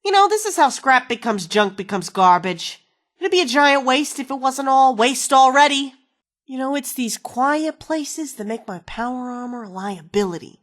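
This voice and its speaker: A woman's voice: high voice, lively intonation, normal speed. An actress playing a wisecracking, foul-mouthed woman companion in a video game, sarcastic and slangy. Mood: casual, wry.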